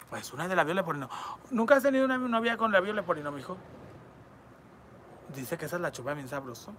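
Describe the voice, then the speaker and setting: A man's voice: high voice, bright, forceful tone. A man, reading viewer comments aloud in a campy, crude and teasing comedic chat. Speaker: online entertainer reading fan messages.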